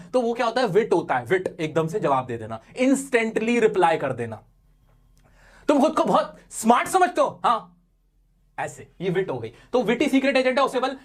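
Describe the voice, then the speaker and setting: A man's voice: high voice, very animated, moderate pace. Male teacher, exam-prep lecture, playful self-quizzing delivery. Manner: quizzes and answers himself, playful and dramatic.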